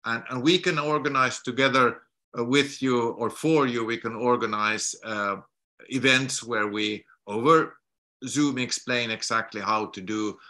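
This Finnish guest lecturer, middle-aged, talks via video call in a home study lined with books. His mid-range voice is strikingly bright with fairly even intonation, while his explanations stumble along with frequent restarts and repeated words.

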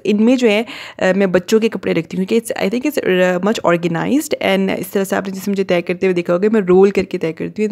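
A woman's voice: mid-range voice, a little mellow. A woman in her thirties narrating a home vlog about her day as a mother, chatting casually and mixing in English phrases. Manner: chatty, mixes English into speech. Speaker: mother vlogger.

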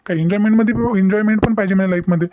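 A man's voice: high-pitched, fairly even intonation, racing, background noise, close to an everyday voice. A man voicing an exasperated middle-aged village father in a cartoon. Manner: rambling, exasperated. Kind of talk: cartoon voice acting.

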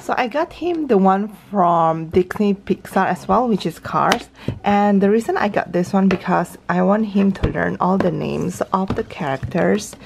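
Off screen, a parenting vlogger mom films from above with a handheld camera in her living room, casually walking through toys step by step. She talks a lot, with a lowish voice and vocal fry, and background noise is audible.

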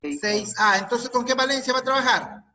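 A man's voice: very high voice, lively intonation, normal speed, bright, forceful tone, soft background music, low-quality recording. A man teaching a chemistry class with a Peruvian Spanish accent, asking students questions and repeating their answers. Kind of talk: online class lesson.

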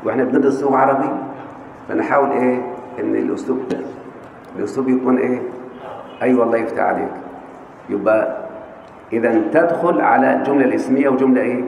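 A man lecturing on Arabic grammar with an Egyptian accent, often pausing to quiz his students on the answer. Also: medium pitch, gravelly, darkish tone, a little hiss or hum. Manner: questioning students, coaxing answers. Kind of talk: classroom lecture. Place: large mosque hall. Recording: echoey hall with faint ambience.

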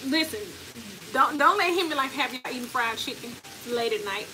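A woman chatting casually in a home kitchen, with a very high voice and a teasing, talkative manner. Clear background noise runs under her voice while food fries nearby. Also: lively intonation, moderate pace. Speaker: cooking vlog co-host. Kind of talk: casual chat.

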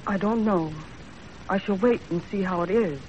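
Over a muffled, faintly noisy 1930s radio broadcast, an actress portrays a cool, sceptical young servant with composed, plain-spoken restraint. She speaks at normal speed in a mid-range, darkish voice, only lightly acted.

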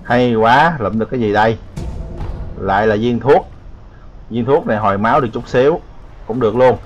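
A man hosting a gaming channel, giving excitable, joking commentary on his play. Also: mid-range voice, fairly quick, muffled recording. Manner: excitable, shouting exclamations, joking. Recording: voice over game audio with faint music. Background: music.

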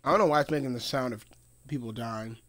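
A man's voice: mid-range voice, a bit bright. Rambling man streaming a video game. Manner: rambling, mutters to himself, quick to laugh. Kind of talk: casual live gameplay commentary.

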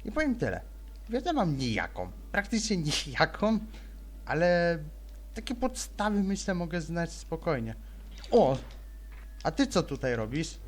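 A young man giving casual, rambling let's-play commentary, chattering almost without pause as he plays. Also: a little high, huge pitch swings. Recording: faint noise, game sound behind.

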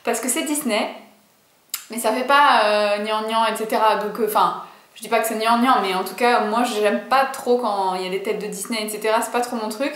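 A young woman talks casually through a clothing haul, chatty and bubbly, full of fillers and little asides. Her voice sits a touch high. The room around her rings with echo. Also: a little fast, fairly bright tone. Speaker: vlogger.

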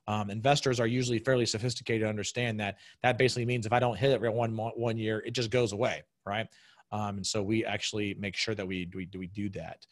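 Man in his thirties, webinar host fielding questions, low voice, chatty and explanatory, lots of restarts, dry close mic. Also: no echo. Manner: conversational, explanatory, frequent fillers and restarts. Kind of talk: live webinar Q&A.

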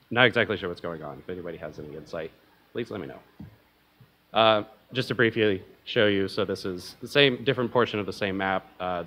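A man's voice: fairly low pitch, sharp tone. Young man giving a casual conference talk. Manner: casual, self-deprecating, many ums and uhs. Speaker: conference presenter. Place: conference hall, at a lectern.

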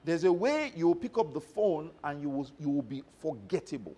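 A motivational trainer gives a live workshop talk to staff, telling stories with animation and often making sure the audience is following. His voice is husky and on the high side, and he talks a little fast. Soft music plays in the background.

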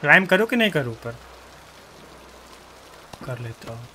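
Man, 20s, live gameplay commentary, panicky yelling, sharp tone, faint background noise. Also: fairly high pitch, moderate pace. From India. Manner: excitable, swearing, panicky yelling at the game. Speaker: game streamer.

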